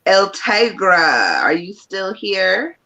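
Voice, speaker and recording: A woman's voice: mid-range voice, sing-song, slow, bright, forceful tone. A woman co-hosting a live reading stream, playful, slangy and swearing as she calls out viewers. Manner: playful, swears, calls people baby girl. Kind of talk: casual live-stream chat.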